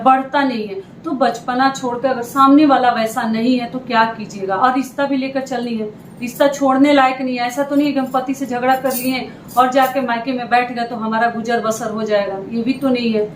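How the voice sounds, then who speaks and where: A woman's voice: a little high, echoey room, slight background noise, low-quality recording. A woman giving relationship advice to her viewers in an earnest, repetitive, direct way. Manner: earnest, repeats points, addresses viewers directly. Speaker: advice vlogger. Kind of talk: casual advice talk.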